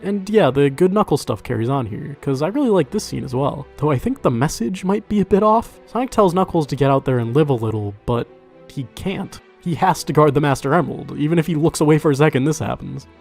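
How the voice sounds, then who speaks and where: A man's voice: a little high, expressive, fairly quick, gravelly, darkish tone, faint music behind. A man reviewing a video game in casual, conversational scripted narration, with wry, sarcastic asides.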